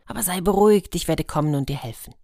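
A woman's voice: on the low side, quick pace, vocal fry, warm tone, no echo, clean studio sound. A woman voicing a kind, helpful young giant's daughter in a fairy tale, speaking earnestly and reassuringly.

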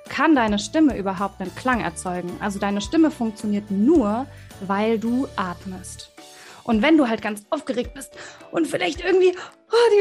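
A woman, a voice expert, explaining to children in an interview and speaking to them directly and encouragingly. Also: on the high side. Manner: warm, encouraging, speaks directly to kids with vivid examples. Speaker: voice and communication expert, guest.

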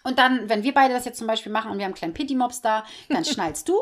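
A woman's voice: fairly high pitch, expressive, very fast. A woman dog trainer co-hosting a casual podcast, explaining training steps one at a time. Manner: explains step by step, acts out dogs and clients in quotes.

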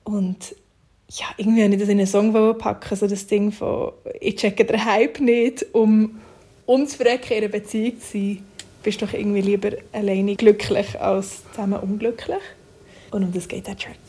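A woman with a Swiss German accent speaks as an interviewed singer, casual and reflective. Her voice is soft, husky and mellow, with fairly even intonation. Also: medium pitch, moderate pace. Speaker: singer interviewed about their own music.

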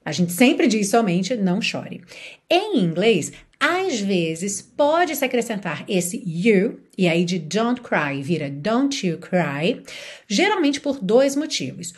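A woman's voice: medium pitch, big pitch swings, slow pace, husky. A woman with a Brazilian Portuguese accent, teaching English in a patient lesson and acting out example phrases. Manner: explains patiently, asks the viewer questions, acts out example phrases.

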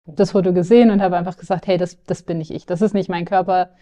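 A woman's voice: on the low side, steady tone, fast talker, warm tone, faint music behind. A young woman from northern Germany, speaking candidly as a client in a podcast interview, with filler sounds and restarts. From Lower Saxony, Germany.

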